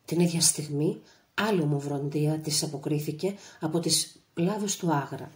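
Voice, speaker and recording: A woman reads a novel aloud in a measured, dramatic audiobook voice. Her voice sits very low for a woman, steady and deliberate. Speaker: audiobook narrator. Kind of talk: literary audiobook narration.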